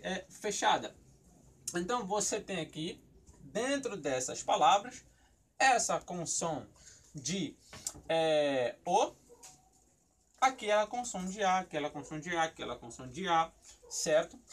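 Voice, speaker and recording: A man's voice: high-pitched, fairly bright tone. Brazilian man explaining with repeated questions. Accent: Brazilian Portuguese. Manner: explanatory, asks and answers his own questions, repeats words while thinking. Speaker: teacher of biblical Hebrew. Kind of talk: recorded lesson explaining Hebrew syllables.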